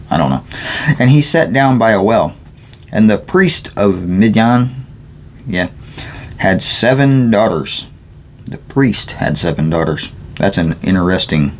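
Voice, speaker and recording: A sleepy man reading scripture aloud, stumbling over names and adding joking asides. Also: on the low side. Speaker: Bible reader.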